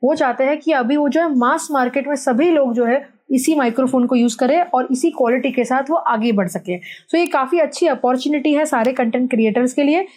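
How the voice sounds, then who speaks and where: A young woman, a content creator, casually reviews a microphone in a vlog, explaining step by step and mixing in English phrases. Her high, slightly mellow voice runs a little fast with hardly any pauses. She's recorded on a wireless lapel mic indoors, with a fan and AC running.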